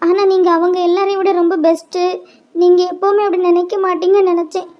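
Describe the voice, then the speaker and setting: A shrill, very high voice belongs to a wounded young woman in a cartoon, voiced by a woman. She speaks with a Kanyakumari Tamil accent and stumbles over her words, repeating them as she goes. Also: flat delivery, dull audio. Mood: hurt. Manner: halting, repeats words while upset. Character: young woman, hurt and tearful, wife and sister. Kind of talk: cartoon voice acting.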